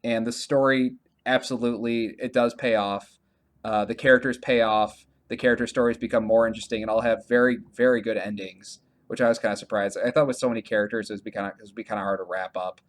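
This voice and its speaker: In a laid-back game review chat, a man co-hosting a podcast keeps stopping and restarting his sentences, correcting himself and saying "like" constantly along with other fillers. His voice is lowish and steady in tone.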